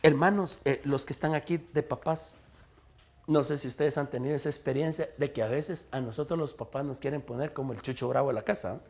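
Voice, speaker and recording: A Guatemalan pastor preaching a live church sermon, animated, swinging between hushed asides and emphatic points. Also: male voice, medium pitch, a little fast, creaky. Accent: Guatemalan Spanish. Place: church service recorded live.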